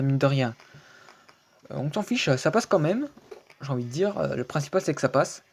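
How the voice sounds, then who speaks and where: A man's voice: fairly high pitch, darkish tone. A man hosting his own gaming channel, chatting through a recorded match in casual, rambling commentary full of fillers, restarts and repeated stock phrases. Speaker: video game channel host. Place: home screen recording, voice-over.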